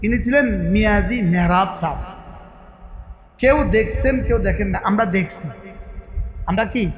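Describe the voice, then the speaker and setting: A man with a Bangladeshi Bengali accent preaching a sermon, calling on the crowd to answer back and rising to shouted emphasis. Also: sits high, a little slow, faint music behind. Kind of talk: sermon at a religious gathering. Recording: echoey hall, sound system.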